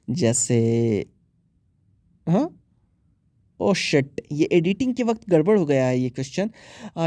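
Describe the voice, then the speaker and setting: A young man with an Indian English accent walks students through exam questions, mixing English terms into his Hindi. His voice is mellow and his recording sounds dry and close. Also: on the high side, no echo. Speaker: English teacher. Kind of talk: exam prep lesson.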